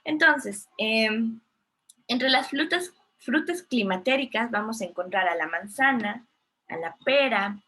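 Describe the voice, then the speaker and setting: A woman's voice: a little high, lively intonation, a little slow, pushed and bright. Mexican woman teaching with many tag questions. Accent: Mexican Spanish. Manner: explanatory, with frequent tag questions and fillers. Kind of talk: recorded online class lecture.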